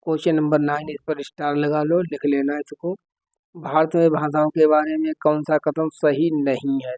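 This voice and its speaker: A man's voice: fairly high pitch, darkish tone, no room sound. A man teaching an exam-prep lesson, working through questions step by step and often checking in with his students. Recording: dry, slightly dull recording.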